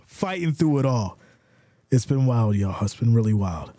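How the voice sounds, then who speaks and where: Over a live stream, a man with a stuffy, congested voice gives relaxed play-by-play, reading viewer comments between calls and building up the excitement. He speaks at medium pitch and a moderate pace with no echo.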